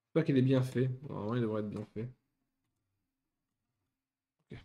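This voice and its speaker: A man's voice: mid-range voice, fairly even intonation, moderate pace, dark tone, highs cut off. A young man chatting casually while building Lego, rambling and often correcting himself.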